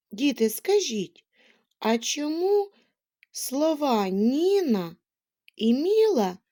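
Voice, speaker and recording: A woman teaching a lesson to small children, asking questions and reciting little rhymes in a drawn-out, sing-song way. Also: on the high side, darkish tone. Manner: questioning, drawn-out words, rhyming verses. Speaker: kindergarten teacher.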